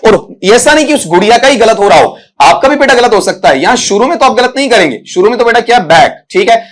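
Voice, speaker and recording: A man teaching English phonetics for an exam, answering students' questions and repeating each word slowly to model its sound. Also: very high voice, lively intonation. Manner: repeats words slowly to model pronunciation, calls students beta. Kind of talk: exam-prep phonetics lesson.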